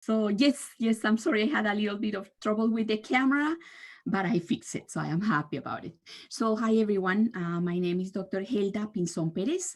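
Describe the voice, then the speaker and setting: Woman professor introducing herself. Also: mid-range voice. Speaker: professor, panelist. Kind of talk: personal introduction. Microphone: video call.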